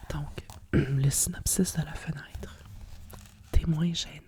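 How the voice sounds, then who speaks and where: A middle-aged woman with a Quebec French accent whispers softly and breathily in a nostalgic, rambling ASMR style, like a hushed library whisper. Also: deep voice. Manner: hushed, nostalgic rambling with frequent conversational tags. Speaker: ASMR host. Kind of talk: whispered ASMR chat about vintage books.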